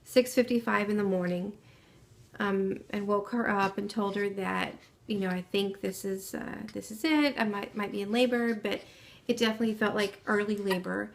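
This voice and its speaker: A young woman telling the story of her baby's home birth in a casual, soft-spoken way, with many pauses and fillers. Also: mid-range voice, gravelly.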